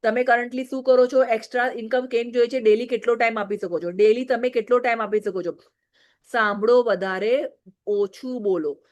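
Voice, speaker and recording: A woman's voice: on the high side, steady tone, moderate pace. A married woman giving a direct, scolding training talk to her business team, often checking "okay?". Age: adult, married.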